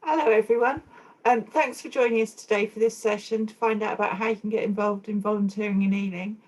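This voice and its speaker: A woman hosting a live online session as volunteer coordinator, friendly and steady with some fillers, on a video call. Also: medium pitch, fast talker, poor audio.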